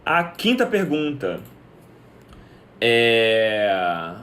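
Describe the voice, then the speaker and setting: A man's voice: mid-range voice, big pitch swings, very slow, fairly bright tone. A young man teaching in a live stream, answering viewers' questions and explaining step by step, often asking a question and then answering it himself. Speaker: English teacher.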